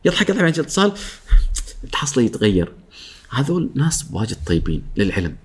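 Rapid-fire animated man with husky voice. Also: mid-range voice. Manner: lively, acts out coworkers' lines, laughs often. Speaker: guest speaker on workplace etiquette. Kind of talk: animated talk show chat.

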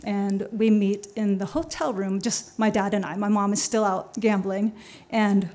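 A woman's voice: mid-range voice, steady tone, unhurried, a little mellow. Storyteller: adult woman, casual and chatty, stage anecdote, fillers and dry chuckles. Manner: chatty, with fillers and wry laughs. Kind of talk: live personal storytelling.

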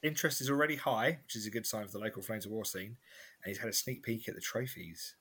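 A man's voice: lowish voice, fast, bright, forceful tone, slightly rough. A man co-hosting a podcast, chatting casually with dry jokes. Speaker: podcast co-host. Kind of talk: casual chat.

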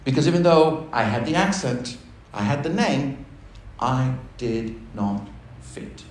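This pastor takes it slowly, his medium-pitched voice carrying lively intonation as he tells his personal testimony. The roomy church hall echoes around him, and he remains conversational and self-deprecating, laughing together with the congregation.

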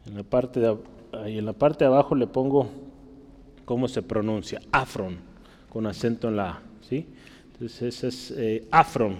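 A man's voice: medium pitch, fairly even intonation, normal speed, warm tone. A man preaching a teaching sermon, often checking in with tag questions. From Mexico. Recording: long hall reverb.

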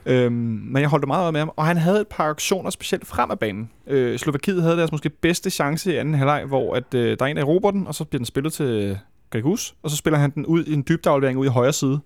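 A man's voice: fairly high pitch, lively intonation, few pauses, no room sound. Man chatting at length about football. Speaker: podcast co-host. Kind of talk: casual football podcast chat.

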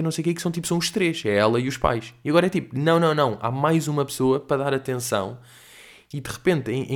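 A young man from Portugal with a European Portuguese accent, hosting a podcast in a rambling, slangy, animated casual monologue. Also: mid-range voice. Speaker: podcast host.

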